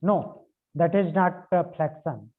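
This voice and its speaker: A slow-speaking man with a fairly high voice teaches yoga anatomy over a video conference call. He dictates notes, repeats his phrases and spells out key words letter by letter. The call audio sounds narrow and phone-like. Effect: heard over a video conference call. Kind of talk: online class lecture, dictating notes.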